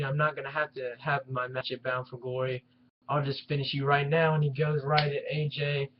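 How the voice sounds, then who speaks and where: A man's voice: medium pitch, highs cut off, a little hiss or hum. A man casually recapping and reviewing a wrestling show, rambling with many fillers and restarts.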